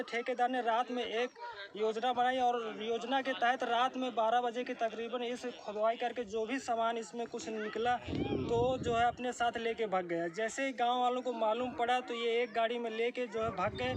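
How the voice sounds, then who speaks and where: A villager being interviewed outdoors, speaking in formal wording that halts on fillers. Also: male voice, very high-pitched, level tone, moderate pace. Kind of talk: on-the-spot news interview. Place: outdoors at a village pond among a crowd. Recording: crowd noise around the speaker.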